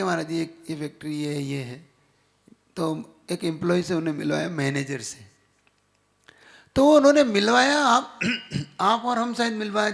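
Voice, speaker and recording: Male monk teaching a sermon class, raised gravelly voice, animated, keeps checking the audience follows. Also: high voice. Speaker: Jain monk giving a scripture class.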